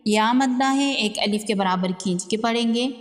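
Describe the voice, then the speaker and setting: A woman teaching Quran recitation rules step by step, explaining each rule calmly and reciting verses slowly with drawn-out sounds. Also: a little high, soft background music. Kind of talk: tajweed lesson with slow recitation. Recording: long reverb.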